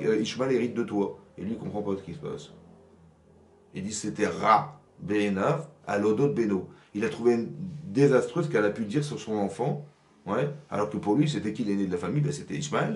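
Rabbi, male, gravelly, low-pitched, quick delivery; teaching a class in an echoey room. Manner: animated, asks "vous avez compris?" often. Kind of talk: religious lesson to women. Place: rented workshop room.

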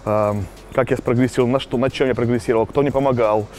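A man's voice: mid-range voice, steady tone, quick pace, darkish tone. A man in his twenties, a bodybuilder, chatting casually and talking straight to viewers in a gym. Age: 20s. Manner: chatty, addresses viewers directly. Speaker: bodybuilder guest. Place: indoor gym.

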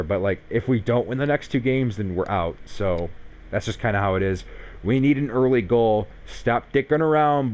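A man's voice: fairly low pitch, a little mellow. A young man giving casual, sarcastic gameplay commentary on a hockey game, swearing freely when frustrated. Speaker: gaming YouTuber.

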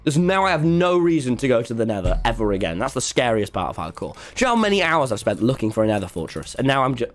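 A man livestreaming a game, chatting to his viewers in an animated, sweary, exclaiming way with music behind him. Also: mid-range voice, fast, hardly any pauses. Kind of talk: excitable game stream chatter, talking to chat. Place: indoors at a computer.

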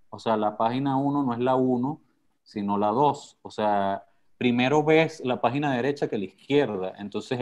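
A man's voice: medium pitch, a little mellow, highs cut off. A man on a video call, explaining his ideas about a book with many fillers. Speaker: moderator of a book talk. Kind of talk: casual video call conversation.

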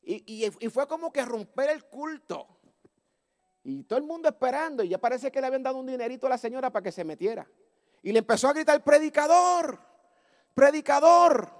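A male pastor, preaching a fervent Pentecostal sermon through a story that builds to loud exclamations. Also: extremely high pitch, expressive, fast. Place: church service.

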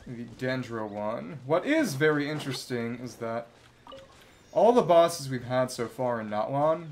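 A man with a medium-pitched voice gives laid-back live commentary while streaming a game, rambling and voicing his thoughts as he plays. Slight background noise mixes with the video game music.

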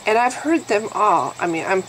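A nasal-voiced woman in her fifties vlogs to camera with blunt, sarcastic candor. Her pitch rises and dips in big, lively swings as she talks. A faint background hum sits under her voice. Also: moderate pace, low-quality recording. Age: 50s. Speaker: YouTube vlogger. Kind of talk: candid talking-to-camera vlog.

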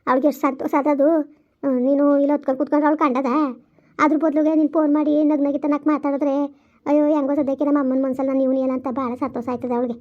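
A woman playing an older village grandmother, coaxing and gently scolding in an amateur village drama on a lo-fi recording. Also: sits high, level tone, very fast, lightly acted. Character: older village grandmother, soothing, gossipy, bossy. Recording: lo-fi dull recording.

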